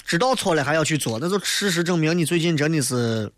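A man's voice: on the high side, lively intonation, fast, heavy background noise. A man with a Shaanxi accent hosting a casual late-night radio show, talking in a blunt, colloquial, philosophizing way as he chats with listeners. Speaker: radio host.

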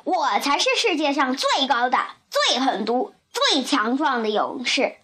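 A woman voicing a huge, boastful male giant in a storybook, loud and blustering. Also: high voice, sing-song, unhurried, heavily acted. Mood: roaring.

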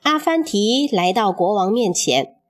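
A woman narrating a children's story in an expressive, measured storytelling manner. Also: medium pitch.

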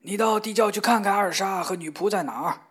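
A woman's voice: medium pitch, quick pace, breathy edge, voice pushed up, lightly acted. A woman voicing a middle-aged father in a storybook tale, speaking plainly and directly.

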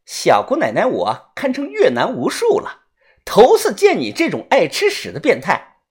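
A brash, foul-mouthed young fighter, loud and scolding, hurling insults with full force. The voice is lively and swooping, a comic wuxia storybook brawler, voiced by a storyteller. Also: medium pitch, rapid-fire, slightly rough.

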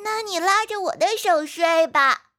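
A woman's voice: very high voice, measured pace, sharp tone, voice pushed up, exaggerated voice. A woman doing a timid little kindergartner. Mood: gentle. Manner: small and whiny, close to tears. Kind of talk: storybook reading.

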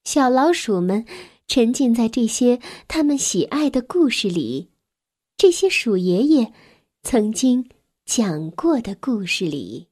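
A woman narrating a bedtime story for children in a gentle, soft way, sometimes dropping to a whisper. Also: on the high side.

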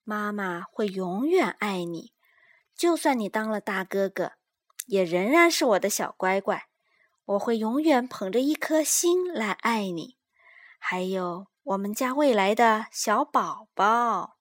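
Woman doing a soft sweet storybook mom, slow and soothing, dry close sound. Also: mid-range voice, expressive, no room sound. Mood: tender. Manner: tender, soothing. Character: gentle loving pregnant mother.

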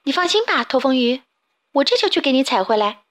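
A woman's voice: sits high, very animated, a little fast, a bit bright. A woman voicing a brave, cheerful young fish in a children's story. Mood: determined.

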